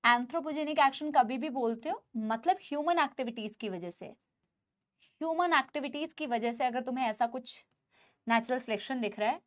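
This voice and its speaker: A woman's voice: high voice, moderate pace. A woman with an Indian accent teaching a biology class, mixing Hindi and English and coaxing her students as beta. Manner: says she usually shouts in class. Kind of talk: online class lecture.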